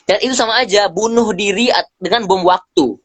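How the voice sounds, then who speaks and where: A man speaking as a guest on a live stream, telling lively stories in slangy casual talk and acting out bits of dialogue. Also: high voice, moderate pace. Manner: animated storyteller, acts out dialogue, slangy. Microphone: phone on a live video stream.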